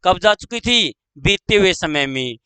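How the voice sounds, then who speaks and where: A male teacher gives an online grammar lesson, stretching words out slowly and repeating each phrase. His voice sits high and sounds bright and crisp. The recording is close and dry. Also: animated, dry recording, poor audio. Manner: slow, drawn-out, repeats phrases and asks pupils questions.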